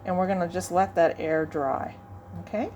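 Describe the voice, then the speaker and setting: A woman's voice: lowish voice, moderate pace, darkish tone, slight background noise. A woman instructor demonstrating a lab procedure to students, chatting and thinking aloud as she works, sometimes moving away from the mic in a teaching lab.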